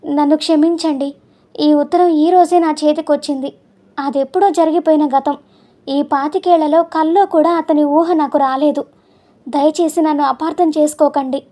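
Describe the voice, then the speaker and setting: A woman's voice: high-pitched, fairly even intonation, normal speed, dark tone, lightly acted. A woman playing a tearful, faltering middle-aged wife.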